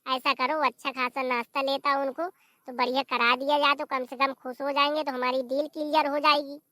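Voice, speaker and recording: A shrill, exasperated village husband in a cartoon comedy, forever scolding and griping, voiced by a performer. The tone is very high and bright. It sounds close and dry, with no room around it. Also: flat delivery, normal speed, no room sound. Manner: shouting, complaining, scolding. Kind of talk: animated comedy voice acting.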